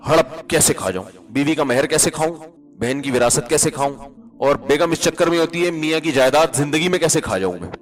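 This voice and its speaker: A male Islamic scholar giving a conversational sermon, lively and wry, asking rhetorical questions and chanting Arabic verses now and then. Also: a little high.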